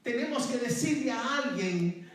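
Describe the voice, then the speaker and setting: A man's voice: extremely high pitch, expressive, measured pace. A male pastor preaching a sermon to his congregation, often calling them "hermano" and breaking into praise. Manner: calls out to the congregation, repeats "hermano" and praise phrases. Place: church sanctuary. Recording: very echoey church hall from far off.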